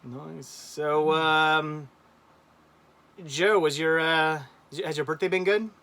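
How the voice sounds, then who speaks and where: Thirties male co-host, slightly high voice, loose and giggly, lots of restarts. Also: fairly even intonation, slow, pushed and bright. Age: 30s. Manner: rambling, laughs often, many restarts. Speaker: livestream co-host. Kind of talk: casual chat.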